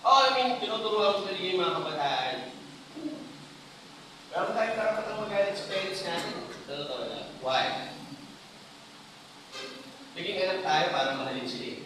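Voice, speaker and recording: A man's voice: high-pitched, lively intonation, normal speed, pauses often. A male preacher giving a passionate sermon, mixing Tagalog and English and often calling for the congregation to answer back. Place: church hall. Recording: echoey room from a distance, faint noise.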